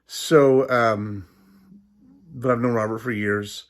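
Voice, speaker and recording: A man's voice: medium pitch, steady tone, slow. A man hosting a casual vlog, rambling along with many ums and restarts. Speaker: host.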